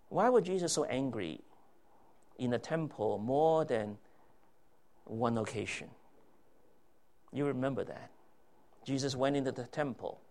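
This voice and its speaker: Gravelly man preaching with emphasis. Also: medium pitch. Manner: emphatic preaching with rhetorical questions, drawn-out stressed phrases. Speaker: pastor. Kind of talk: sermon.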